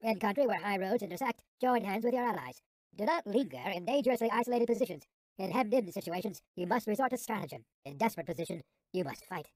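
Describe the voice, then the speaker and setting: A sped-up helium chipmunk voice delivers scripted audiobook narration. The reading is brisk and formal, with phrases that drop at the end. The sound is dry, with no room around it. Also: medium pitch, expressive, dry recording, rough recording.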